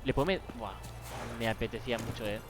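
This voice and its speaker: A young streamer with a Spain accent talks quickly in a mid-range voice, offering slangy, jokey let's play commentary as he games. Game music plays behind him.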